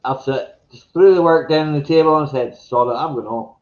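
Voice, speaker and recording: A man's voice: on the high side, fairly quick. A man hosting a live stream in casual chat. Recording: dull sound, faint background noise.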